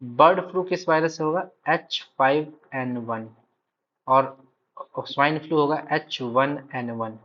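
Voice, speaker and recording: A man's voice: fairly high pitch, takes it slowly, muffled recording. A man teaching an exam-prep lecture in Bihar-accented Hindi. He repeats key terms several times and keeps checking in with his listeners. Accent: Hindi speaker from Bihar. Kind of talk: recorded lecture.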